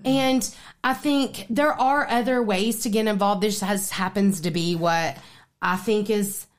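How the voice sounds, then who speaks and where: A woman on a faith-based radio program, talking casually and excitedly about her ministry with plenty of fillers. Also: medium pitch, a little slow. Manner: excited and animated, lots of fillers. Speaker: ministry guest. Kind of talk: casual interview conversation.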